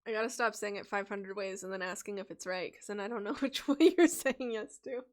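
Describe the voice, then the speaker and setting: A woman with a tiring voice reading character backstories on a live stream, chatty and laughing between readings, speaking more softly to rest her voice. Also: medium pitch, a little fast. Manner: softer, less forceful delivery to rest the voice. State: voice getting tired. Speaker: storytelling streamer.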